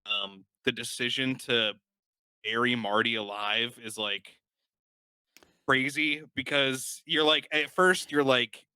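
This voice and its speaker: A man's voice: medium pitch, slow pace, sharp tone, clean tone, dry recording, low-quality recording. A man co-hosting a podcast, talking casually and rambling about a film with many "like" fillers. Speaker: podcast co-host.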